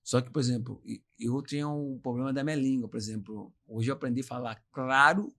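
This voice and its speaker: With a medium-pitched, fairly quick voice carrying some vocal fry, this inland São Paulo man chats on a podcast about his time as a footballer. He's an animated storyteller, laughing through the funny episodes he describes.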